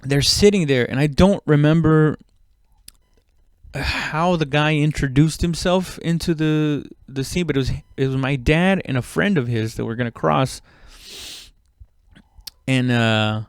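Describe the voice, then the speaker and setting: Recorded dry with clean studio sound, this smooth mid-range voice belongs to a Mexican-born comedian in his thirties who came to the US at age seven. He rambles through a laid-back story, cursing freely and interrupting himself along the way.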